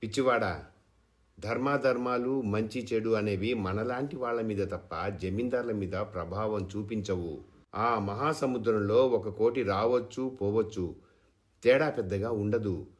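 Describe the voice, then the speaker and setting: A man's voice: fairly low pitch, unhurried, close to an everyday voice. A man voicing a pragmatic middleman friend who scolds and persuades. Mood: scolding.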